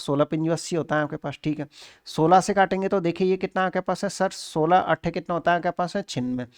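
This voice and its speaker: A male maths teacher with a Rajasthani Hindi accent explains exam problems step by step, asking and answering his own questions. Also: high-pitched. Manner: asks and answers his own questions, addressing students as sir. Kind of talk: exam-prep maths lesson.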